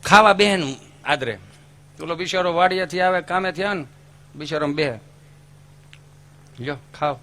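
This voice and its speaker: A man with a Kathiawadi Gujarati accent telling folk stories on stage as a comedian, lively and acting out the voices of the people in his tales. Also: sits high, fairly quick.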